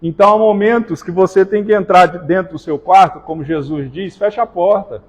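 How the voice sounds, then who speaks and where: A man preaching a sermon in a church, with slow emphatic stresses and joking asides to the congregation. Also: high voice. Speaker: pastor. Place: church hall. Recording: reverberant church hall.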